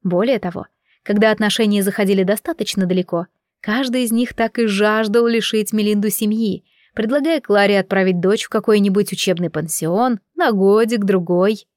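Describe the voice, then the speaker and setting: A woman reading narration for a novel in a measured, expressive way. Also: mid-range voice, dry recording, studio quality. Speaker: audiobook narrator. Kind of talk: scripted narration.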